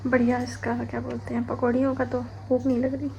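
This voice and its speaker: A woman's voice: on the high side, darkish tone, a little hiss or hum. A young woman chatting to her viewers at home in a casual vlog, telling stories about her day. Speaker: vlogger. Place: at home, kitchen.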